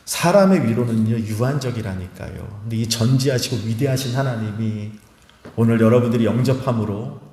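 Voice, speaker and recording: A man's voice: mid-range voice, moderate pace, warm tone. A man preaching at a Friday prayer meeting as pastor, fervently questioning the congregation directly in a large church hall.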